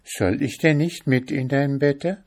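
A man's voice: medium pitch, measured pace, vocal fry, a little mellow, pitched above the performer's own voice. A man voicing a coaxing, enchanted male snake in a storybook reading, begging in a wheedling way.

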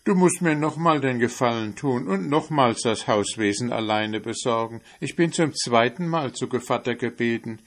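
A man's voice: mid-range voice, expressive, normal speed, few pauses, pitched above the performer's own voice, lightly acted. A man doing a sly, greedy storybook cat. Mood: coaxing. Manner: smooth, sly and bold. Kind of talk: fairy-tale reading.

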